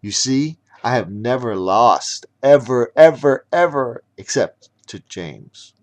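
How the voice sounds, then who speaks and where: A man's voice: fairly low pitch, lively intonation, slow, fairly bright tone, exaggerated voice. A man voicing a boastful sixteen-year-old boy villain who runs deadly games, in a storybook reading. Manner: bragging, resentful monologue.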